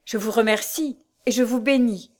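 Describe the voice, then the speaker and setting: A woman reading the part of a young bedridden man who speaks earnestly and gently in a storybook reading. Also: a little high, moderate pace, lightly acted.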